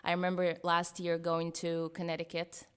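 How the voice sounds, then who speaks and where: A woman's voice: on the low side, monotone, moderate pace, fairly bright tone, smooth. A young woman from Russia and Israel, a podcast host talking in a casual conversation, hesitant with many fillers and restarts. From born in Russia, raised in Israel.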